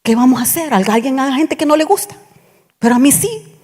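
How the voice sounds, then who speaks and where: A woman's voice: high-pitched, a little fast. A woman pastor telling her own story in a sermon, acting out the dialogue as she goes. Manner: animated storytelling, acts out quoted dialogue. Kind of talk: sermon testimony. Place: church hall. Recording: reverberant church hall.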